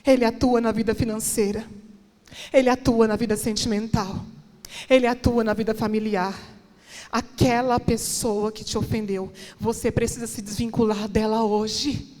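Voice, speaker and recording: A woman's voice: on the high side, fairly even intonation, moderate pace, a little mellow. A woman minister preaching a sermon and giving an impassioned personal testimony, building to emphatic declarations. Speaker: guest minister. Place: church hall. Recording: long church reverb.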